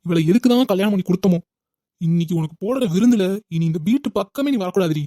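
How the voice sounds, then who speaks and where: A woman's voice: medium pitch, expressive, quick pace, warm tone, no room sound, studio quality, lightly acted. A woman doing a scolding, shrewd cartoon housewife. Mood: scolding determined. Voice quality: scolding, threatening. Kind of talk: cartoon comedy voice acting.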